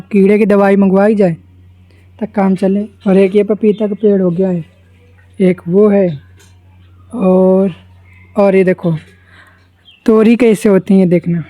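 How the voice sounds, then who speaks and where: On a low-quality recording, a young village vlogger from India narrates casually to camera, his high voice carrying a dark tone. He explains village life to his viewers from his home, garden and the roadside.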